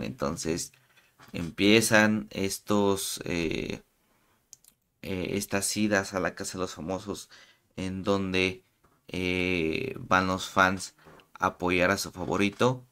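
Deep, flat-voiced YouTuber. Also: male voice, clean tone. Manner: relaxed, hesitant with frequent "eh" fillers. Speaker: YouTube commentator. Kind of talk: casual reality-show commentary.

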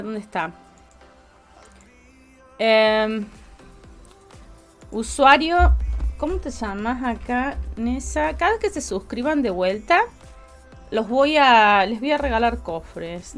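An Argentine woman streaming a game from home, chatting with viewers in a casual way and bursting into loud excited exclamations. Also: a little high. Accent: Argentine Spanish. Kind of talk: casual live-stream chat while playing.

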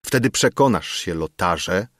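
A man narrates an audiobook in a measured, solemn way. His voice sits very low and he reads slowly. The recording is dry and close, with no room sound. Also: lively intonation, fairly bright tone, dry recording.

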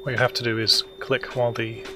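A man with a rough voice speaking short voice commands to control a game. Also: mid-range voice, level tone, fairly quick, music in the background. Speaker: player giving voice commands.

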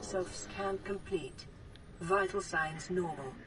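A woman voicing a calm female AI assistant in a game, a gentle care robot that gives even, reassuring announcements. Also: on the low side, slow pace, over a noisy crowd, rough recording. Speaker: in-game computer voice. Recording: game audio under loud underwater noise.

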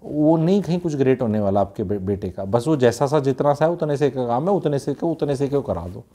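A man from Haryana gives frank, casual advice to young people, slipping English into his speech. His voice is mellow and relaxed. He drives his points home with rhetorical questions. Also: mid-range voice, a little fast. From Haryana, India. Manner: blunt, mixes Hindi with English, rhetorical questions. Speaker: youth advice speaker.

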